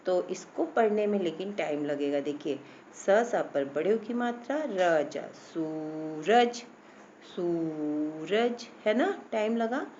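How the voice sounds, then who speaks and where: A woman's voice: mid-range voice, lively intonation, mellow, muffled recording, slight background noise. A woman teaching a children's Hindi grammar lesson. She speaks patiently, draws out each syllable and often checks in with "है ना?". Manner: slow, patient, drawn-out syllables, frequent "है ना?".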